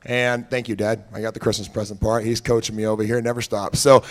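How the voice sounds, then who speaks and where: A young man from Washington State, an auctioneering student, who talks plainly about himself and calls bids in a fast rhythmic chant. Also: lowish voice, little pitch movement. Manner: rapid rhythmic chant while calling bids. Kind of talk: auction bid calling.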